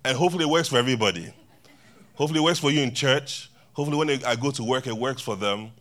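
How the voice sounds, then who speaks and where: A man's voice: mid-range voice, racing, a bit bright. A man preaching a sermon to a church congregation in a loose, conversational way, joking and chatting with the people in the pews. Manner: conversational, laughing, banters with congregation.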